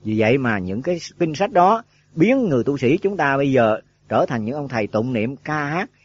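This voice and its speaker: A Buddhist monk teacher gives a rambling dharma talk to monks, packed with filler words and rhetorical questions. His medium-pitched voice swings widely in pitch at a normal speed and has a breathy edge, in a dull, lo-fi, dry recording without echo.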